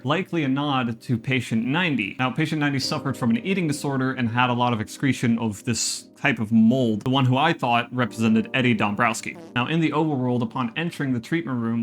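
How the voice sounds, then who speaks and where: A man recording in an attic, giving a scripted video game commentary with informal, slangy asides. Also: mid-range voice. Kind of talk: scripted video essay narration with casual asides. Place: attic room at home. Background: background music.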